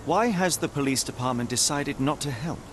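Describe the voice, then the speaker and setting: An actor playing Sherlock Holmes as a sharp, arrogant, restless consulting detective in a video game, brusque and articulate. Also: male voice, medium pitch, fairly quick, noisy background, close to an everyday voice. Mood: brooding. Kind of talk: video game cutscene acting.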